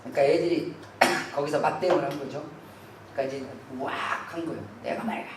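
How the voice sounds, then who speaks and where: A man's voice: a little high, fairly even intonation, fast. A man preaching a Sunday sermon as pastor, earnestly putting rhetorical questions to the congregation. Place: church sanctuary. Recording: very echoey hall, distant mic, faint hiss.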